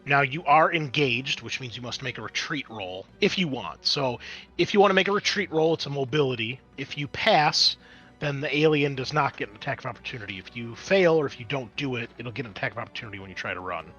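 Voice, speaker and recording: Fast-talking and animated, a man with a mid-range, slightly rough voice acts as game master for a tabletop roleplaying game; the audio has its highs cut off and music underneath. He's casual, swears freely, and mutters asides while working the software.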